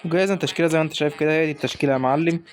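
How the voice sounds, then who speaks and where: A man's voice: a little high, fairly even intonation, rapid-fire, soft background music. A young man with an Egyptian accent giving hyped live gameplay commentary on a football video game, calling out to the players on screen. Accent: Egyptian Arabic. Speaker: gaming YouTuber.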